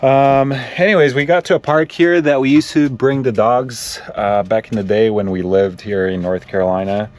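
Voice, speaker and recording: A man casually narrating a road-trip vlog, relaxed and rambling with lots of fillers. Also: medium pitch, normal speed, hardly any pauses. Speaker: vlogger. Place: inside an RV and outdoors on the road. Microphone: smart glasses camera.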